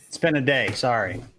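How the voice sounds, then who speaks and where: A man chatting easily as a guest on a live podcast, dropping curse words with a relaxed, offhand manner. His voice sits at an ordinary pitch for a man. His mic is cranked far too high, so the sound clips and distorts. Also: noisy background. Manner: laid-back, swears freely. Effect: clipping, distorted overloud mic. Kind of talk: casual chat on a livestream. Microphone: own mic set too loud.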